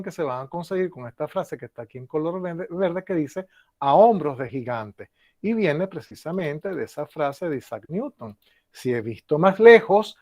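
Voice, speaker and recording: A man's voice: on the high side, a little mellow, no echo. A man teaching an online university class, explaining with many fillers and repeating key phrases. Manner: stresses key phrases, asks students "¿Ok?" and "¿Lo ven?". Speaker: university lecturer. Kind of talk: online class lecture with screen share.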